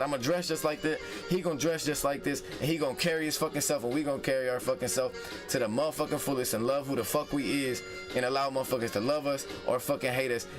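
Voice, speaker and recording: A man hosting a casual advice vlog, heated and profane, who repeats phrases for emphasis. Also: medium pitch. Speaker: vlog host.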